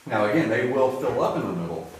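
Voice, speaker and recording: Cave-echoed male tour guide, lively pitch. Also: fast talker. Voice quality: voice echoing in a cave. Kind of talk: informal guided tour commentary. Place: inside a limestone cave. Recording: echoing cave, distant mic, faint noise.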